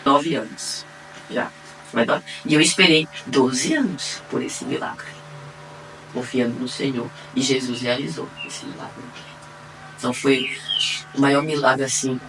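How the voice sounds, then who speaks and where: A woman with a Brazilian accent giving a personal faith testimony, acting out the dialogue as she retells it and swinging between quiet and excited. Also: extremely low pitch, normal speed, background noise. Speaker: testimony giver. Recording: distant mic, faint room ambience.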